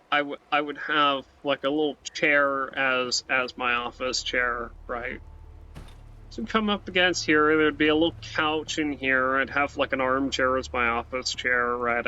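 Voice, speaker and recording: His mid-range voice is bright and forceful as he plays a game and chats casually, letting his commentary wander. This let's play host often restarts sentences and adds "right?" at the end. Expect muffled audio with a faint background hiss.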